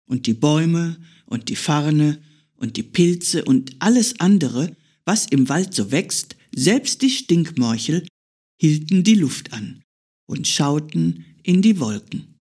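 A woman reading a children's story aloud as a storyteller, with slow, expressive storybook narration. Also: low voice, slightly rough.

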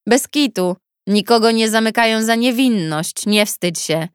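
Cheeky female inmate, slangy and teasing, voice pitched up and louder, done by a woman narrator. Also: measured pace, clear, resonant tone, no echo, clean studio sound, lightly acted. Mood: brash teasing. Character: brash mocking woman prisoner behind a wall.

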